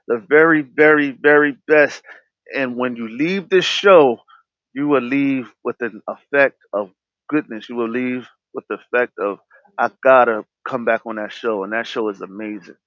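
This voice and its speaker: Speaking candidly about himself on his own podcast, a medium-pitched man stutters and keeps restarting his words. There's no echo; the sound is dry, dull and lo-fi.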